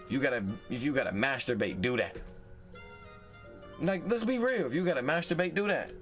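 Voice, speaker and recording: A man's voice: mid-range voice, lively intonation, a little fast, fairly bright tone, faint music behind. A man hosting a casual advice vlog, heated and profane, who repeats phrases for emphasis. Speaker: vlog host.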